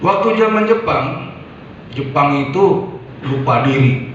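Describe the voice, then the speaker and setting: A man's voice: on the high side, lively intonation, unhurried, a bit bright, a little hiss or hum. Male preacher, storytelling lecture style, recorded far off with heavy echo. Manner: storytelling, with sound effects and acted quotes. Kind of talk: lecture to an audience. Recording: echoey hall, distant mic, muffled.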